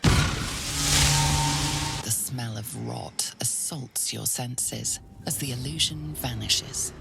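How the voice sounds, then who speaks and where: A mysterious female narrator for a fantasy game. The voice is deep and creaky, unhurried and full of ominous drama, with music clearly playing behind it. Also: full character voice. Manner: ominous, measured, theatrical. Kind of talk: scripted second-person game narration.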